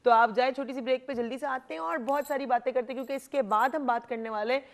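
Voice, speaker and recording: A woman's voice: high voice, fairly even intonation, fast, a little hiss or hum. A woman with a Pakistani Urdu accent hosting a television health talk show, chatty and mixing English phrases into her speech. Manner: chatty, mixes English phrases in, frequent "hmm" backchannels. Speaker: TV show host.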